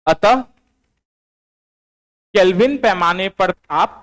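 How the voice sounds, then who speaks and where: A male teacher, giving a classroom lecture. He dictates notes slowly and repeats them, then quizzes his online students. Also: sits high, animated, a bit bright. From Bihar, India.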